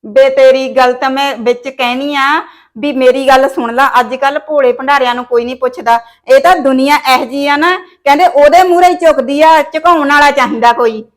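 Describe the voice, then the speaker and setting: A woman's voice: high-pitched, steady tone, a little fast, natural voice. A woman playing a domineering, scheming mother-in-law in a village comedy short film, scolding her son.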